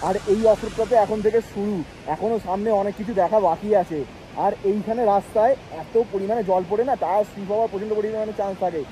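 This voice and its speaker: A man's voice: sits high, steady tone, mellow. Breathless Indian man vlogging a mountain ride. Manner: talks slowly in short phrases to save breath. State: short of breath at high altitude. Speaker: motorcycle travel vlogger. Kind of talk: casual travel vlog narration. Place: outdoors on a high mountain road. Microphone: action camera or phone on the bike trip. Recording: noisy outdoor recording with wind and engines.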